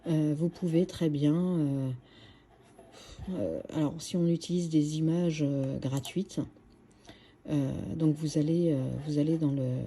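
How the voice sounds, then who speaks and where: A woman's voice: low-pitched, steady tone, slow, dark tone, slight background noise. A woman hosting a screen-recorded craft tutorial, chatty and hesitant, with many fillers and restarts.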